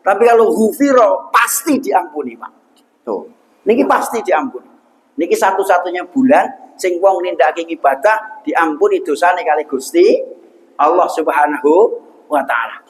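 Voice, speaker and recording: High-voiced jokey preacher with a Javanese accent. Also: male voice, low-quality recording. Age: young adult. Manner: jokey, asks the congregation questions and answers them. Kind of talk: humorous village sermon. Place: mosque.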